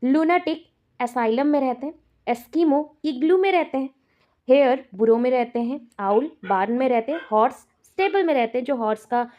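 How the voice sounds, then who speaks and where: A woman's voice: high voice, lively intonation, normal speed. Woman teacher, raised voice, dull lo-fi audio. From India. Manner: explains terms step by step, repeating key words. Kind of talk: exam-prep lecture.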